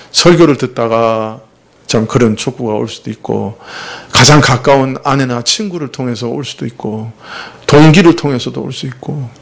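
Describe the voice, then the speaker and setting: Husky-voiced pastor with a lively, swinging delivery. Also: male voice, medium pitch. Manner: talks with the congregation through rhetorical questions; confessional, uses himself as the example. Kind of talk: conversational sermon.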